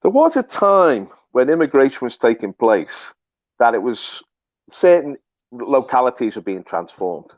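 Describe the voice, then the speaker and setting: A man's voice: sing-song, unhurried, no room sound. Fervent man, dull audio. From Liverpool, England. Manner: fervent, emphatic, rising to preaching pitch. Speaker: guest. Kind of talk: political interview.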